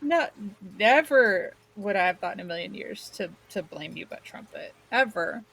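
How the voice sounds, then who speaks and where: Woman playing a halting, creaky-voiced, apologetic townswoman. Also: medium pitch, lively intonation, low-quality recording. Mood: reassuring. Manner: halting, earnest, soft. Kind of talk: tabletop role-play acting.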